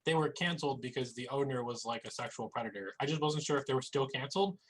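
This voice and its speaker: Man, fast pace, casual voice chat, curious. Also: medium pitch, animated. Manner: curious, asking questions. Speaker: player in an online party game.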